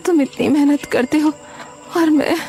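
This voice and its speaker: A woman voicing the worried, loving wife of a rickshaw puller in an animated story. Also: sits high, a little slow, soft background music, voice pushed up. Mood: anxious. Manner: pleading, anxious.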